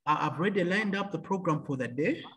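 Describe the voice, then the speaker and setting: This engineer-turned-entrepreneur speaks in a high, expressive voice at a quick pace, with a fairly bright tone. In a faith-filled interview, he tells stories about his beliefs and his business, laughing often and mimicking how other people sound.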